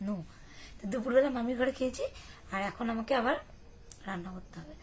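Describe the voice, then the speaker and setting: A young woman from West Bengal with a hoarse voice, chatting casually and rambling to her camera as a vlogger. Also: fairly high pitch, quick pace, a little hiss or hum. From West Bengal, India. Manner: chatty, rambling, many fillers.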